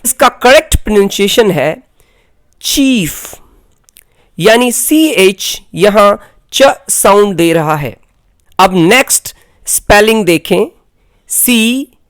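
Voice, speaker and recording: Slow, deliberate Indian woman teacher. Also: mid-range voice, lively intonation. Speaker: English teacher. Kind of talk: scripted lesson narration.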